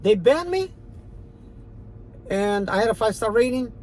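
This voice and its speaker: Talking to his channel's audience, this Eastern European-accented rideshare driver from Ukraine rambles defiantly and emphatically, dropping many fillers. His mid-range voice is very animated but a little slow, over a faint hiss or hum.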